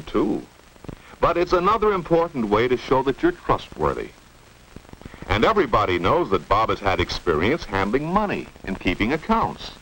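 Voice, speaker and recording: A man with an American accent narrates in 1950s instructional film style. His voice is fairly low and rises and falls a great deal as he explains and poses questions. The vintage soundtrack carries clear noise. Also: a bit bright, low-quality recording.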